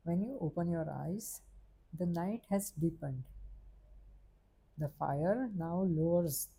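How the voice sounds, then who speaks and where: A woman narrating a guided meditation in a soft, gentle, unhurried way. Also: fairly low pitch, breathy edge, poor audio.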